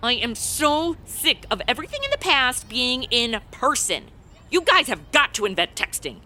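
A woman's voice: high-pitched, big pitch swings, moderate pace, bright, forceful tone, full character voice. An actress playing a flippant modern young American woman stranded in the past, in a comedy audio drama. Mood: blasé.

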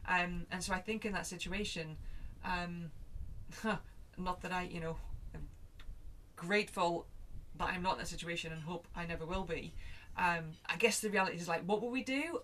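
A woman's voice: lowish voice, fairly even intonation, normal speed, fairly bright tone, slight background noise. A woman, speaking as a guest in a reflective conversation, thinking aloud with restarts and quoted asides. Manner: acts out her own thoughts in quoted asides.

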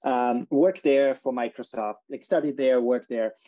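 An Austrian man, appearing as a guest in a casual interview, explains his company in a relaxed manner with lots of filler words. His voice is deeply mellow and dark, he speaks a little slowly, and the recording is muffled and lo-fi.

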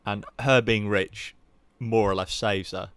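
A young man talks through a film in relaxed conversation. His voice sits low and comes across smooth and clean. The sound is close and dry, with no room around it. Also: measured pace, no echo. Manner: candid, rambling, swears casually. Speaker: podcast co-host. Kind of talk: casual film review chat.

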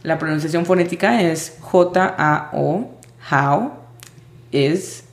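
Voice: mid-range voice, takes it slowly. A language teacher giving a spoken lesson, patiently spelling out sounds letter by letter. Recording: roomy echo.

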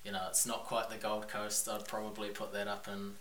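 The recording, picked up by a distant mic, carries roomy echo and faint hiss as a New Zealand-accented man, a business owner and podcast guest, talks frankly and casually. His voice is on the low side, fairly bright, completely flat and a little fast in this relaxed interview.

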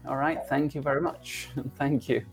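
A male podcast teacher talks at an unhurried, careful pace. He repeats each word and example patiently so learners can follow. His pitch sits in an ordinary middle range. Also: steady tone, gravelly, soft background music. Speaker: English teacher. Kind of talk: podcast language lesson.

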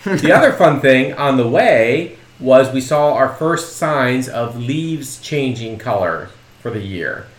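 A man's voice: medium pitch, animated, slow pace. A man hosting a podcast, chatting casually in a friendly way and laughing often. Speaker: podcast host. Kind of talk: casual chat. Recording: roomy echo.

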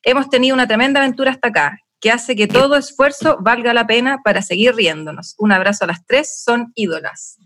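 A woman's voice: on the high side, a little fast, a bit bright. A Chilean woman co-hosting a casual chat in playful slang, her speech slightly impeded after having a wisdom tooth out. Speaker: co-host.

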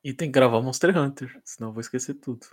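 A man's voice: medium pitch, fast, a little mellow, a little hiss or hum. A man with a Brazilian accent chatting casually as a podcast co-host in an informal, joking way. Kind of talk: casual chat.

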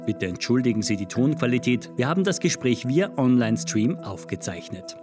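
A man's voice: medium pitch, lively intonation, a little fast. Male podcast presenter over prominent music. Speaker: podcast host. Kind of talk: scripted news podcast narration. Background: music bed.

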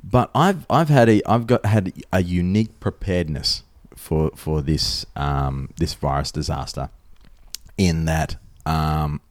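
An Australian man talks casually as a podcast co-host, with a blunt, sweary way of putting things. His voice is deep, recorded dry with no room sound. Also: unhurried, no echo. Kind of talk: casual conversational storytelling.

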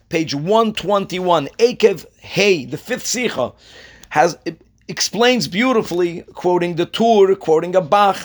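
Male religious teacher, notably high voice, explains texts line by line with emphatic, deliberate repetition. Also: fairly bright tone. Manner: emphatic, deliberate, repeats key phrases for stress. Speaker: rabbi teaching religious law. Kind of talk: religious lesson, reading and explaining a text.

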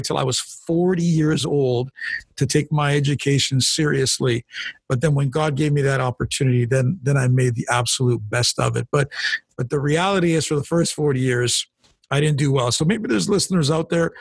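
A pastor in his 40s or older, appearing as a guest, shares his personal testimony in a conversational interview. His husky, gravelly voice sits slightly high for a man, and he speaks earnestly like a storyteller, often restarting and repeating words as he searches for them. The recording is dry and close, with no room sound.

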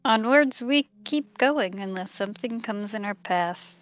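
A woman playing a tabletop game, speaking in a brisk, matter-of-fact way. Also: on the high side, no echo. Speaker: player. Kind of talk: casual tabletop play. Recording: dry, slightly dull close mic.

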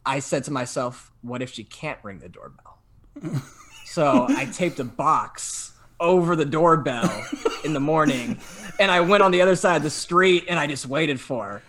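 A young man telling a story in casual chat, animated and full of fillers and restarts. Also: fairly high pitch, normal speed. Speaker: podcast guest telling a story.

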